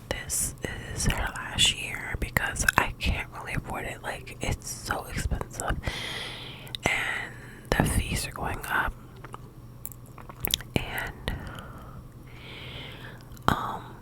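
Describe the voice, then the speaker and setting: A woman speaking in a hushed, breathy whisper, quiet as if late at night, rambling casually in halting phrases like a personal ASMR chat. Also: low-quality recording. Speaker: ASMR video host.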